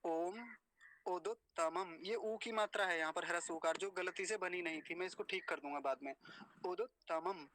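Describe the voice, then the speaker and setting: A man teaching mantra pronunciation in an online class, repeating each word slowly, syllable by syllable, and chanting the full verse. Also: sits high, sharp tone. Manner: slow syllable-by-syllable chanting and repetition. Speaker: Sanskrit recitation teacher. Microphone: video call.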